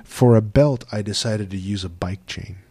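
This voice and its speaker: A man's voice: lowish voice, normal speed, warm tone, husky, dry recording. A man co-hosting a podcast in casual banter, joking crudely and swearing often. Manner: crude, profane joking with frequent laughs. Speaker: podcast co-host.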